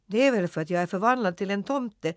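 A man voicing a small mischievous boy turned into an elf, excited and quick to shout, in a storybook reading. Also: high-pitched, no echo, studio quality, voice pushed up. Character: tiny mischievous boy shrunk to an elf, frightened and bratty.

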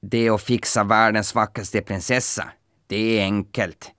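A man's voice: on the low side, little pitch movement, dry recording, studio quality, natural voice. A man voicing a bold, cheeky boy hero in a folktale. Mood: cocky. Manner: cocky, bright.

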